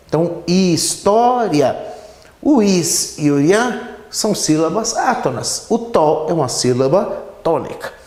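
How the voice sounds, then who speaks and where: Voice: medium pitch, darkish tone. A teacher explaining grammar at a whiteboard, often checking in with "né?" and drawing words out while writing. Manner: explanatory, frequent "né?" tag questions, stretches words when writing. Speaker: Portuguese teacher. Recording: echoey room.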